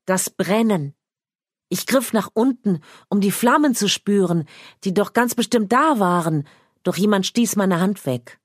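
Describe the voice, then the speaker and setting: A woman narrating a first-person literary story in a quiet, measured, intimate reading. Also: mid-range voice, expressive, dry recording, studio quality. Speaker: audiobook narrator.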